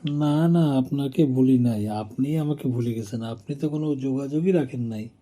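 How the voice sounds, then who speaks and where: A man plays a self-pitying son-in-law who says he does all the chores. His whiny voice is very bright and piercing. He keeps his complaints low and hushed in a scripted comic phone skit. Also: moderate pace, lightly acted. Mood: complaining.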